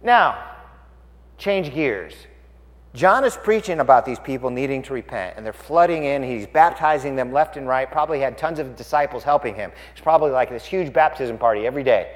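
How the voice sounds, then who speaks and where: A middle-aged man preaching a sermon, swinging from loud exclamations down to quiet explanation. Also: mid-range voice, lively intonation, a little fast, long reverb tail. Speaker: pastor.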